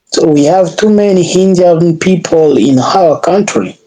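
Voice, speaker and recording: Slow-talking, mellow Congolese-accented man. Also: fairly high pitch, low-quality recording. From Congo, Central Africa. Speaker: English conversation practice partner. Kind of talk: casual practice conversation.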